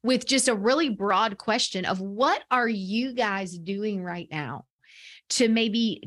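A woman's voice: mid-range voice, a bit bright. A woman co-hosting a church leadership podcast, upbeat and welcoming, framing long questions with many fillers. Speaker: podcast co-host. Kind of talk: casual podcast conversation.

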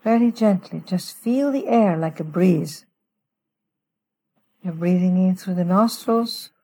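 Woman gently leading a slow guided meditation. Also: lowish voice. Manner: gentle, unhurried instructions with long pauses. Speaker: guest author leading a guided breathing meditation. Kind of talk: slow, soothing guided meditation, like a sleep story narrator.

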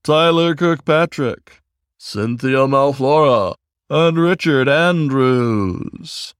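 A man's voice: medium pitch, very slow, smooth, no echo, clean studio sound, pitched above the performer's own voice. A man voicing a male aardvark hosting an awards banquet, with a droning, formal announcer delivery. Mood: formal announcing.

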